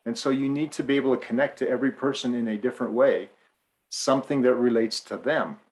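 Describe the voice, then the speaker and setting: Speaking quickly in a mid-range voice, a middle-aged man from Western Canada co-hosts a casual podcast. His Canadian accent is faint, and he is an animated storyteller who acts out the dialogue.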